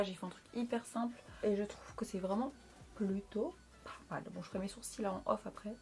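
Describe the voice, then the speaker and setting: A young woman chatting casually through a makeup review, frank and playful, talking at close range to her camera. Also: medium pitch. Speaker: beauty vlogger.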